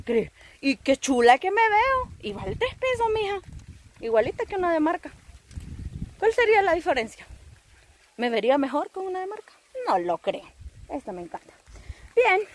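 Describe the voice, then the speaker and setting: A woman telling a rambling, animated story to her vlog audience while outdoors. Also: very high voice, moderate pace, pauses often, slight background noise. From El Salvador. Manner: rambling, animated, self-teasing. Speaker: vlogger.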